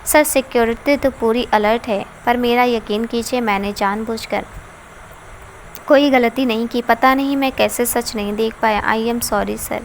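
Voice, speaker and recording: A woman's voice: a little high, fairly even intonation, measured pace, slight background noise. A woman doing a frightened pleading manager. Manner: pleading, apologetic.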